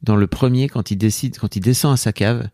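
A man's voice: lowish voice, fairly even intonation, a little fast, mellow, dry recording, clean studio sound. Enthusiastic, slangy Frenchman in casual conversation. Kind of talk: casual chat about films.

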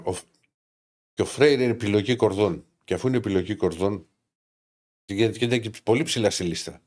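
A man co-hosting a casual sports betting chat, chatty and explaining at length, his voice rising when he gets excited. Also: fairly low pitch. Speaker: podcast co-host.

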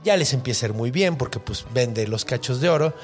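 A man's voice: medium pitch, a little fast, faint music behind. A young man with a Mexican Spanish accent hosting a podcast, retelling a tale in crude, slangy casual chat and acting out its characters. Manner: slangy, crude, animated retelling with acted-out quotes. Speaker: podcast host.

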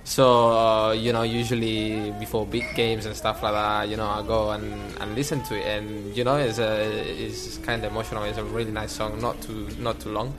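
A young man talks casually in an interview with a low, fairly monotone voice. He is hesitant and leans on fillers, with music clearly behind him. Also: moderate pace, few pauses. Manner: hesitant, filler-heavy with "you know". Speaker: footballer being interviewed.

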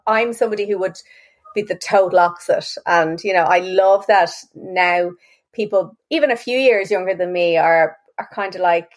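A woman's voice: lowish voice, normal speed. A woman in her forties hosting a casual interview, self-deprecating and laughing easily. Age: 40s. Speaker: podcast host.

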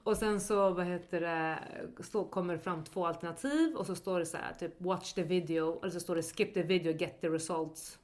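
A pregnant woman in her thirties co-hosts a casual podcast. She tells her story in an animated way and slips into quoting the people in it. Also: on the low side, hardly any pauses. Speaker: podcast co-host.

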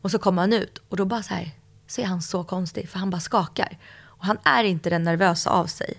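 A woman in casual chat, telling a story in a lively way and acting out quoted lines. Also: on the low side, creaky.

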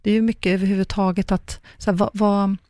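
A woman's voice: mid-range voice, little pitch movement, mellow, no echo, studio quality. A middle-aged woman, a coach, explaining ideas in a chatty way with acted-out example dialogues. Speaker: coach and communicologist guest. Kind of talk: casual podcast conversation.

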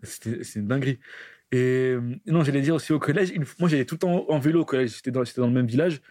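A man's voice: medium pitch, fast talker, mellow, no echo, studio quality. A young man co-hosting a podcast, teasing and slangy, laughing a lot as he tells stories. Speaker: podcast co-host. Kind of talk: casual chat, banter.

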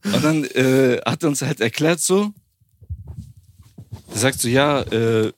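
A man's voice: medium pitch, measured pace, a little hiss or hum. A man casually telling a funny story on a podcast, acting out the people he quotes. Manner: animated storyteller, acts out quoted people, laughs often. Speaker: podcast host.

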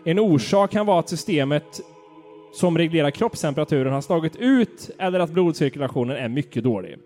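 A man's voice: a little high, lively intonation, darkish tone, soft background music. A man co-hosting a casual chat podcast, reading grim facts aloud in a playful, laughing way. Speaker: podcast host.

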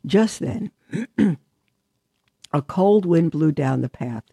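Woman show host and religious sister, husky and gravelly, reads a story aloud; dry close mic. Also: lowish voice, no room sound. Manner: warm, chatty aside, then steady storytelling. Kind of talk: radio show host reading a Christmas story.

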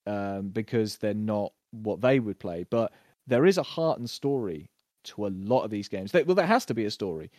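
A man co-hosting a podcast, chatting casually about a TV series and video games, animated and quick to act out scenes. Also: on the low side, dry recording, studio quality. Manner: animated, puts on quick voices when retelling scenes. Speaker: podcast co-host. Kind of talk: casual TV review chat.

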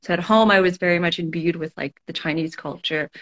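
A woman's voice: lowish voice, fairly even intonation, a little fast, a bit bright. A woman guest in a casual conversation, thinking aloud in a reflective way, with frequent fillers and restarts. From Toronto, Canada.

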